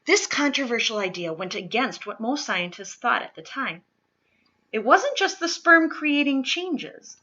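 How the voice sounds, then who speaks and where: A woman reads a children's true-story picture book aloud in a fairly high, clearly bright, animated voice. She phrases things deliberately and stresses key words for her young listeners. The recording sounds slightly dull and lo-fi.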